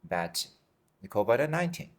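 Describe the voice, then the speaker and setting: A man in his forties from China, Chinese native, answering interview questions in simple, halting English and repeating himself, tired. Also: mid-range voice, sing-song. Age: 40s. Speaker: dentist guest. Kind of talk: interview answers in second language.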